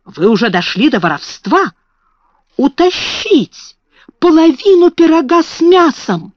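A woman's voice: sits high, sing-song, dry recording, pitched above the performer's own voice. Woman doing a furious scolding headmistress. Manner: shouting, slow and scolding. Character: stern angry headmistress, older woman. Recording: dull lo-fi recording.

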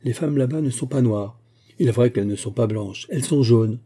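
A man's voice: medium pitch, a little fast, warm tone, slightly rough. A man reading a gallant veteran musketeer captain.

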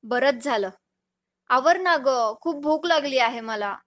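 A playful young husband who teases his wife fondly, as a woman reader puts him on. The voice sits high and the lines come slowly, like a storybook read aloud. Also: animated, fairly bright tone. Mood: casual. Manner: teasing, fond. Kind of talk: storybook reading.

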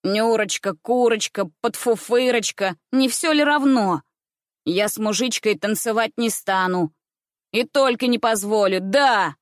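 A woman's voice: fairly high pitch, measured pace, no room sound, studio quality, natural voice. A woman doing a bratty mocking schoolboy. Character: bossy, mocking schoolboy, older brother.

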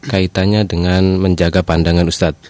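A man's voice: deep voice, level tone, moderate pace, darkish tone, no room sound. A man presenting a programme as an AM radio host.

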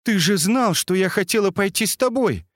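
Fiery young woman, reproachful, read by a man pitched up high, dry booth sound. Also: animated, moderate pace, no echo. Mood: angry.

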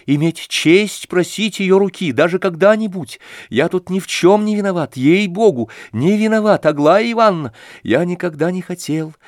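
A man voicing a timid, gentle young prince who stammers out pleading excuses. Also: high-pitched, normal speed, few pauses, dry recording, clean studio sound, voice pushed up, close to an everyday voice. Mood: flustered.

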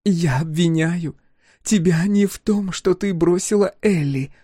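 A woman's voice: on the high side, normal speed, mellow, dry recording, clean studio sound, pitched above the performer's own voice, natural voice. A man voicing a fierce, bitter young woman scientist whose voice breaks in anger. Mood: accusing. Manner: cutting, angry, voice breaking.

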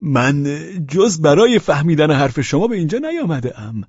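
Man putting on a shrill drunk fawning man. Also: very animated, darkish tone, slightly rough, no echo, lo-fi sound. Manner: shrill, whining, pleading. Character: drunk, fawning, frightened middle-aged man.

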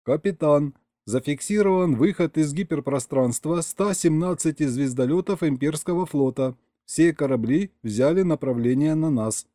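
Starship loudspeaker voice, male, flat report, mellow tone, as a reader puts it on. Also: on the high side, moderate pace, no room sound, voice pushed up, lightly acted. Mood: alarmed.

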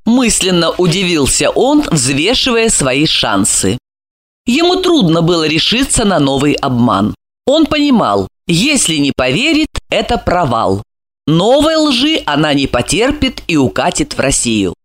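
Expressive woman reading a novel aloud. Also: on the low side, a little slow. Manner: expressive storytelling. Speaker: narrator. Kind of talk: audiobook narration.

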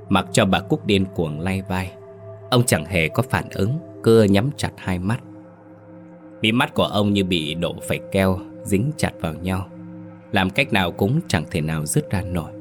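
A man narrating a scripted horror story in a slow, ominous storytelling manner. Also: deep voice.

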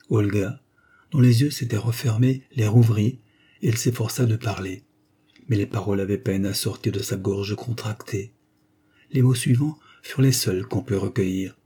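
Deep, dark-voiced male narrator. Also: slightly rough. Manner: steady, measured reading. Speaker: audiobook narrator. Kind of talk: scripted narration of a classic novel.

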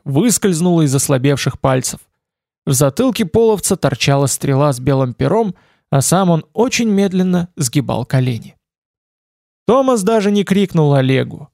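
A man narrating an adventure novel aloud as an audiobook, in steady storytelling. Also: on the high side, vocal fry, dry recording, studio quality. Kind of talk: scripted narration.

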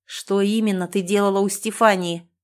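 A woman's voice: medium pitch, fairly even intonation, moderate pace, darkish tone, natural voice. Woman voicing: domineering husband, cold commands, audiobook reading. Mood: angry. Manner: harsh, commanding, through gritted teeth. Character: angry domineering husband, hissing threats.

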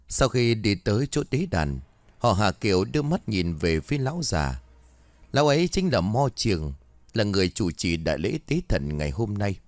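Male horror storyteller with a low, expressive voice, recorded dry and close. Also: dry recording. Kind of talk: scripted horror story narration.

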